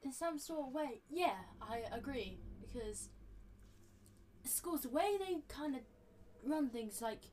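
A woman's voice: high voice, expressive, slow pace, a little mellow. A woman guest in casual conversation, talking informally and a bit hesitantly. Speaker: podcast guest. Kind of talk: casual chat. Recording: clearly noisy background.

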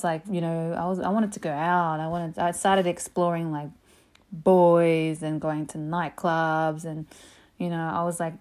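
A woman telling personal stories in a casual, animated way, swearing freely and saying "like" a lot. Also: lowish voice. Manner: animated, profane, lots of "like". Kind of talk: casual storytelling.

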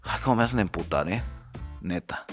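A man in his thirties with a Mexican accent, co-hosting a podcast and telling stories in loud, profane, excitable banter. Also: deep voice, brisk, soft background music. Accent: Mexican Spanish. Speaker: podcast co-host. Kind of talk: casual crude podcast banter.

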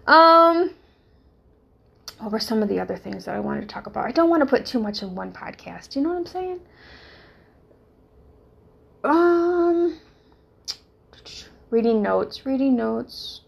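A woman's voice: a little high, animated, a little slow, gravelly, long pauses, slightly rough. A middle-aged woman with a Southern US accent hosting a casual solo fitness podcast, rambling and thinking aloud with fillers. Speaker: podcast host, fitness coach.

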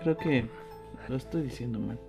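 A man with a Mexican accent, co-hosting a casual chat and chiming in often with quick agreeing interjections. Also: mid-range voice, creaky, mellow, soft background music. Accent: Mexican Spanish. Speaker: co-host.

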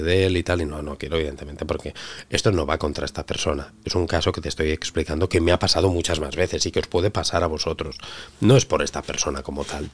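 Deep-voiced man telling a story. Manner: animated, blunt, stumbles and repeats words. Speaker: photographer. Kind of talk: casual storytelling monologue.

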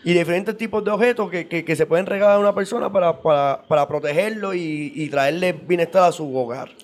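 A man's voice: high-pitched, brisk. A man explaining in casual interview talk, at length, with frequent repeats and restarts. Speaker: guest on esoteric topics.

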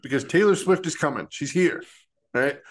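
A man in his forties co-hosting a casual sports chat, rambling, animated and laughing often. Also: fairly high pitch, brisk. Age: 40s. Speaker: podcast co-host.

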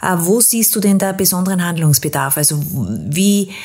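A woman's voice: lowish voice, brisk, a little mellow. A woman hosting an interview podcast, asking long, winding questions with frequent hesitations. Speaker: podcast host.

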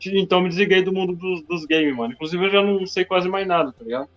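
A man's voice: high voice, quick pace. A man from Brazil chatting casually, full of slang and filler words. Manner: slangy, peppers speech with "mano" and "tá ligado". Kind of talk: casual chat. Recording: dull lo-fi recording with faint music.

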